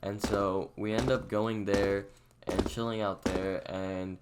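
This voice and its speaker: A man's voice: fairly low pitch, little pitch movement, slow, heavy background noise. A young man telling a story in a casual, rambling way, leaning on "like" and acting out what people said. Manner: rambling, leans on "like" and acts out the quotes.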